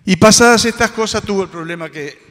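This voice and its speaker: A man's voice: sits high, fairly quick, a bit bright. A male pastor preaching a sermon, telling a story and acting out the voices of its characters. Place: church hall. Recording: long hall reverb.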